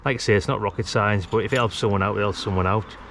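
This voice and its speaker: Working outside by a house's brick wall, a British man who's both a DIY vlogger and a radio hobbyist talks through a hands-on tutorial in a casual, colloquial way. His voice is fairly low, steady and a bit bright at a quick pace, with clear outdoor work ambience in the background.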